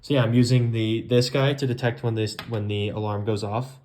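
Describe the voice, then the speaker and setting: A man's voice: mid-range voice, fairly even intonation, fairly quick, a little mellow, slight background noise. A young man casually walking through his electronics project, informal and rambling, with fillers and trailing-off phrases. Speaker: hobbyist demonstrating an electronics project. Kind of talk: casual show-and-tell.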